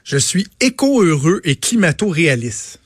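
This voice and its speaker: A man's voice: a little high, very animated, moderate pace, breathy edge, no echo, studio quality. A man with a Quebec French accent, co-hosting a radio show and bantering casually, joking and telling stories. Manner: joking storyteller, bursts into put-on voices. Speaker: radio co-host.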